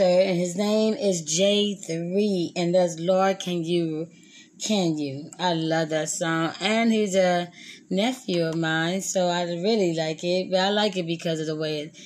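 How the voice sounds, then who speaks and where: A woman's voice: fairly low pitch, steady tone, unhurried, a little mellow. Chatty woman hosting a radio show. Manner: chatty and upbeat, introducing songs.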